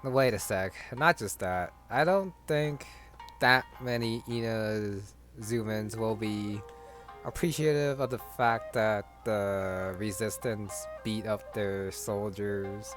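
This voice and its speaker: A gamer offers casual let's-play commentary on his playthrough, musing to himself in short remarks with game music playing underneath. His voice is lowish and his pace slow.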